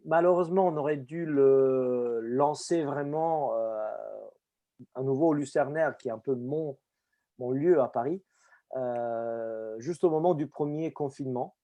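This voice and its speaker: A middle-aged man from Italy with an Italian accent, talking in an animated, expressive way as a guest actor in a casual conversation. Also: mid-range voice, measured pace, muffled recording.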